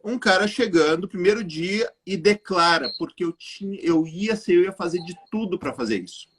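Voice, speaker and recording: A man, a guest telling an animated story straight to the viewers of a live chat. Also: high voice, moderate pace, slight background noise. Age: 40s. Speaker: guest entrepreneur.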